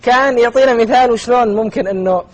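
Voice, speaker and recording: High-pitched quick Gulf man co-hosting. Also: poor audio. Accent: Gulf Arabic. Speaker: TV talk show co-host. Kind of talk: casual live banter.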